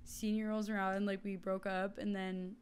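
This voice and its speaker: A woman's voice: mid-range voice, level tone, normal speed, a little mellow, clean tone. A woman in her twenties, a podcast guest chatting casually with lots of fillers and giggles. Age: 20s. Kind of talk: casual chat.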